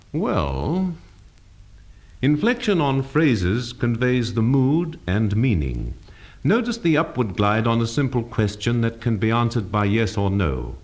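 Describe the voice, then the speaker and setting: A man giving a scripted speech-training lesson, precise and measured, acting out example phrases. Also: medium pitch. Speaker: elocution teacher.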